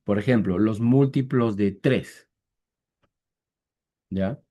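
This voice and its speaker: A man teaching an online math class on a video call. He speaks patiently, checks often that students follow, and counts through examples slowly, step by step. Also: on the low side, dark tone. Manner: patient, repetitive, checks understanding with "¿ya?"; slow, deliberate step-by-step counting.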